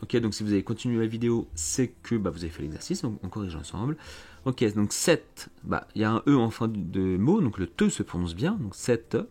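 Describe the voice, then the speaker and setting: A man teaching a lesson online, explaining step by step in a patient way, often pausing with fillers and restarting phrases. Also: on the low side, very animated, warm tone, slightly rough, faint music behind. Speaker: French teacher.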